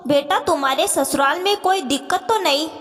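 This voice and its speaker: A woman voicing a caring middle-aged stepmother who gently coaxes her daughter, in a reverberant room. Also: high voice, moderate pace. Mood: worried.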